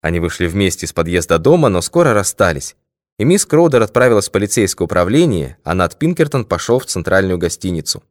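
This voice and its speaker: Deep-voiced male audiobook narrator. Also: sing-song, fast, no room sound, clean studio sound. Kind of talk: scripted narration.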